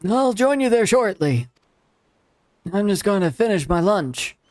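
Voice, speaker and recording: A man voicing a grumpy old man from a video game in a measured old-timer delivery. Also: high-pitched, big pitch swings, darkish tone, voice pushed up. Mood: matter-of-fact, gruff. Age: older. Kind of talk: reading game dialogue aloud.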